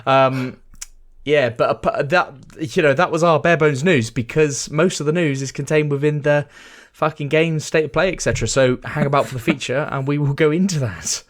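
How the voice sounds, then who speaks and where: A man co-hosting a gaming podcast in casual chat, excitable and swearing freely as he hypes things up. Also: on the high side, moderate pace. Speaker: podcast co-host.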